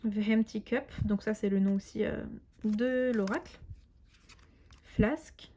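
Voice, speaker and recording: Speaking slowly in a medium-pitched, dark voice, a woman who reviews tarot and oracle decks works through a casual unboxing. She chats enthusiastically, hesitates frequently, and reads each English card name aloud along with a translation.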